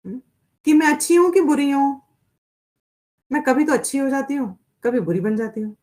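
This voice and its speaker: A woman's voice: high voice, normal speed, a little mellow. A woman giving a spiritual lecture on Vedanta, explaining in Hindi mixed with English phrases and acting out quoted voices. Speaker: Vedanta teacher.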